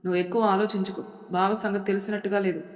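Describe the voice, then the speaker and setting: Smug young woman, mocking and sharp , as a female narrator plays her; long reverb. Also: mid-range voice, flat delivery, fast talker, close to an everyday voice.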